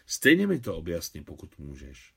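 A man reading the lines of a gentle, wealthy woman benefactor in a novel, softly and measuredly. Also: medium pitch, lively intonation. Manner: soft, measured.

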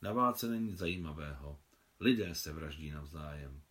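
A man reading aloud his own translation of a novel in a calm, measured storytelling manner. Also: extremely low pitch.

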